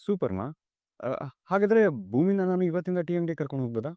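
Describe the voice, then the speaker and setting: A man's voice: on the high side, lively intonation, fast talker, dry recording, muffled recording, natural voice. An actor playing a former policeman and family man who talks casually, in a TV serial. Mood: chatty. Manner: casual, chatty. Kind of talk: TV serial acting.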